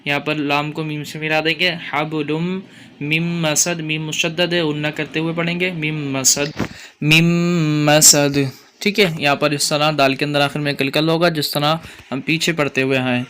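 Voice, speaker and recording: A man with a Pakistani Urdu accent teaching Quran recitation rules, explaining each point and chanting verses slowly. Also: a little high, steady tone, bright, forceful tone, a little hiss or hum. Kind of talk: tajweed lesson with chanted recitation.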